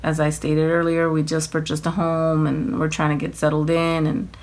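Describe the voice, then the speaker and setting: A tired woman chatting casually through a nail-kit unboxing at home, rambling, apologizing and filling pauses with ums. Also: deep voice, monotone, a little mellow. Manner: rambling, apologetic, many fillers, laughs often. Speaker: nail vlogger.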